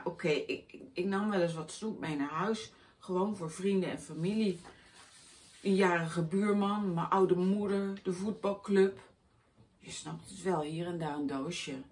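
A woman's voice: mid-range voice, recorded from a distance, close to an everyday voice. A woman voicing a dim, self-pitying man who once packed candy, whiny and indignant, in a raised voice.

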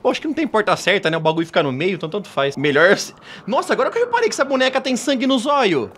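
A Brazilian man giving excitable, slangy let's play commentary as a gaming youtuber. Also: sits high, rapid-fire, slight background noise. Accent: Brazilian Portuguese.

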